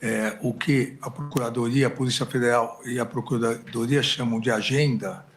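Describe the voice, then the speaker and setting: A man with a Brazilian Portuguese accent questioning a defendant in court, speaking formally and halting often with filler hesitations. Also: medium pitch, steady tone, soft background music.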